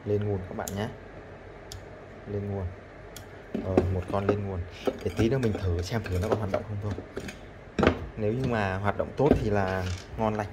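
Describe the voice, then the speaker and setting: A man vlogs while testing scrap electronics, chatting to viewers nonstop and repeating phrases in a casual hands-on demonstration. His voice is lowish and steady at a normal speed, with frequent pauses, and the audio is very noisy.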